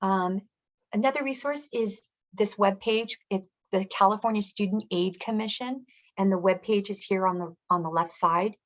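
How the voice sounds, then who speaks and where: Speaking at a normal pace in a mid-range voice, a woman presents herself as a school district director. She guides listeners through web resources in a clear, instructional way.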